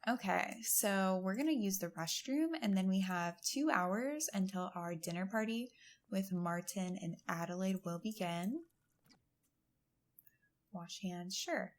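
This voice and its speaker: A woman's voice: mid-range voice, measured pace. A woman hosting a let's-play, giving chatty, giggly gameplay commentary and laughing often. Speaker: gaming channel host.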